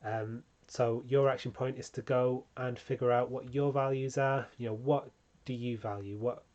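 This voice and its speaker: A man explains branding in a relaxed, casual tutorial, filling pauses with ums and correcting himself as he goes. His voice sits mid-range and stays fairly flat, with little rise or fall. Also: medium pitch, lo-fi sound. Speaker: channel host teaching branding.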